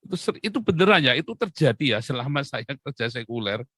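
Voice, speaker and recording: A man's voice: medium pitch, very animated, fast talker, fairly bright tone, no room sound. Male preacher, playful and chatty, acts out voices, recorded dry. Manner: jokey, acts out dialogues, laughs often. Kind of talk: humorous sermon.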